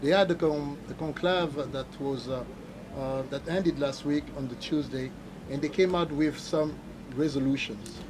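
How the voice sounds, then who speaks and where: A man, a journalist, asking a long, halting question at a press event. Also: on the high side, background noise. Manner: halting, many fillers and restarts.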